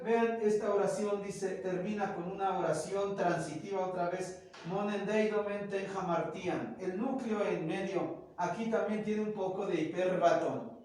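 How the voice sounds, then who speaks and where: High-voiced man lecturing on grammar. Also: a little mellow. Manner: methodical, explains grammar term by term. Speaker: classical languages teacher. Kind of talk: classroom lecture. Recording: echoey room, mic far off.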